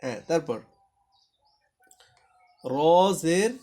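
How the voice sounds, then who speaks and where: Patient, slow-speaking Quran reading teacher. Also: mid-range voice, big pitch swings, a little mellow. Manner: patient, slow, repeats each syllable for the student to echo. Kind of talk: live online class, drilling letter sounds.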